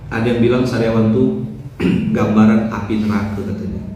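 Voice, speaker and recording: A man preaches a dawn sermon with humor and rhetorical questions, his voice mellow and mid-pitched. He stands back from the microphone in a very roomy hall, so his voice carries a heavy echo over faint background noise. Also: normal speed, far from the mic. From West Kalimantan, Indonesia. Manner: lively, joking, asks the crowd rhetorical questions. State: recovering from mouth ulcers, speaking slowly.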